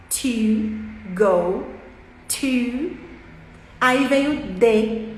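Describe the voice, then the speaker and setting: A woman with a Bahian Brazilian accent teaches English in a relaxed, joking way and says sounds over and over to model them. Her voice sits a little high. The room is echoey, with a long reverb trailing each phrase. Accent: Bahian Brazilian Portuguese. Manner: chatty, informal and jokey, repeats sounds to model pronunciation. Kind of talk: casual online English lesson.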